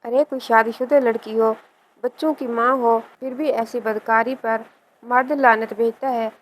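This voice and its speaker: A harsh, scolding mother full of contempt, as a woman reading the story puts her on. The voice sits fairly high and never softens toward her son. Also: steady tone, slight background noise, natural voice, poor audio. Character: angry scolding older mother, harsh and unforgiving.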